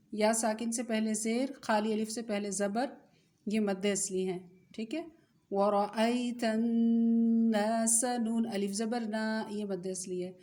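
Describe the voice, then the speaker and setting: Slow, mellow-voiced woman tajweed teacher. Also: medium pitch, reverberant. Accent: Pakistani Urdu. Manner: slow, patient explaining with drawn-out example words. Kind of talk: recorded recitation lesson.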